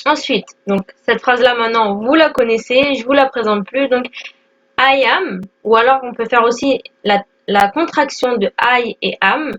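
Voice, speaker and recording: A woman's voice: on the high side, moderate pace, fairly bright tone, muffled recording. A woman in her twenties giving a casual spoken lesson, explaining step by step with many fillers and check-ins. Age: 20s. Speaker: English teacher.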